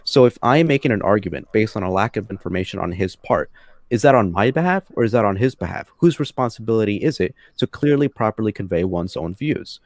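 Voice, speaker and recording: A male guest arguing his case in a measured, lecturing way, leaning on rhetorical questions. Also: lowish voice, expressive, dry recording, clean studio sound. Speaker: guest debater. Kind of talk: argumentative discussion.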